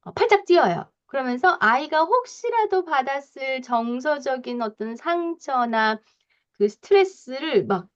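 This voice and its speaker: A woman parenting coach giving a lecture, talking in a lively way with frequent soft fillers and acting out parents' lines as she explains. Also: sits high, unhurried, dull audio.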